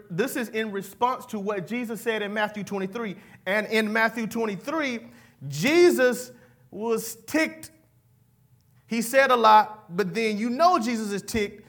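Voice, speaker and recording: Preaching with a high, bright, ringing voice, a male pastor leads his congregation in call-and-response and slips folksy asides between his lines.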